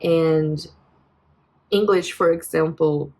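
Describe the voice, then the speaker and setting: A Brazilian woman in her twenties, a vlogger, speaks English as a second language with a Brazilian Portuguese accent. Her voice is low, steady, and somewhat dark, and she talks slowly. Venting reflectively into her phone for a personal vlog, she sounds hesitant, with many fillers and restarts.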